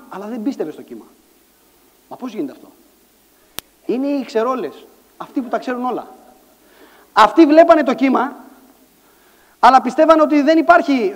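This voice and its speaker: A middle-aged man giving an animated motivational stage talk, acting out dialogue and shouting some lines in a large conference hall. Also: very high voice, long pauses. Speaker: conference speaker. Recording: echoey hall sound.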